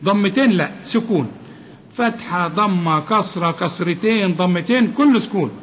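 A man with an Egyptian accent teaching tajweed, slowly repeating sounds, correcting pronunciation and chanting verses. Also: high voice, a bit bright, a little hiss or hum. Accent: Egyptian Arabic. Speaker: Quran recitation teacher. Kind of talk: tajweed lesson with recited examples. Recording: long reverb, dull lo-fi sound.

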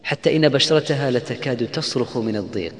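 A man's voice: medium pitch, animated, fast, big-room sound. A man narrating a moral story in a solemn storytelling cadence.

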